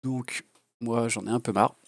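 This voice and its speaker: A gravelly mid-range male voice, a little slow and fairly even in intonation, belongs to an FPV drone hobbyist with a cold. He reviews gear casually and without a script, rambling bluntly and crudely with lots of fillers. The audio is clean, studio-like, and free of room sound, though it comes from a low-level home mic.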